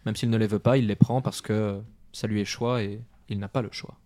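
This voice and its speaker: Wry male co-host, warm dark tone, dry close recording. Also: fairly low pitch, steady tone, fairly quick, dry recording. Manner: wry, sarcastic asides. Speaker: podcast co-host. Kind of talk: casual book discussion.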